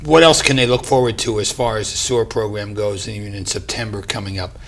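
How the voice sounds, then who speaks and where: A man's voice: on the low side, fairly even intonation, brisk, fairly bright tone, a little hiss or hum. A man hosting a local TV interview, asking chatty, enthusiastic questions. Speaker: local TV host. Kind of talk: casual interview.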